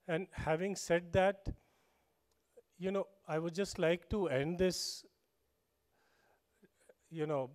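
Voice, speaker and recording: A middle-aged man with an Indian English accent, giving a measured conference keynote at a podium mic and often saying "you know". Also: medium pitch, darkish tone. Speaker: keynote speaker. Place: large conference stage, indoors. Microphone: podium microphone.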